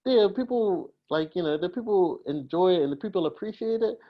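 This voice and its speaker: A man's voice: sits high, expressive, brisk, lo-fi sound. A man hosting a podcast in casual chat, laid-back and saying "bro" a lot. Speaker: podcast host.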